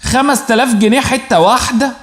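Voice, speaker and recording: A man's voice: very high-pitched, brisk, pitched above the performer's own voice. A man putting on a scoffing Egyptian woman. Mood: teasing. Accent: Egyptian Arabic. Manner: sly and scoffing. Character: teasing, mocking earthy Egyptian woman. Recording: roomy echo.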